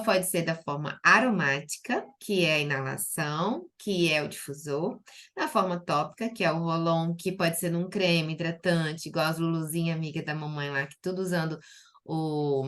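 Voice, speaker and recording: A middle-aged Brazilian woman talks to her live chat as a doctor. She has a somewhat low voice and a loose, chatty way of speaking. She keeps asking "né?" and calls things by fond little names. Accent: Brazilian Portuguese. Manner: chatty and lively, with many diminutives and filler "né". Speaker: doctor giving a live stream on essential oils. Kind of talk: casual live-stream talk to a chat.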